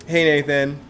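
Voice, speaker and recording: A man's voice: fairly high pitch, fairly bright tone. Stuffy-nosed man hosting a casual chat. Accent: Canadian. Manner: chatty, laughs often, greets chat viewers by name. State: stuffed up from allergies. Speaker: host of a soap opera after show.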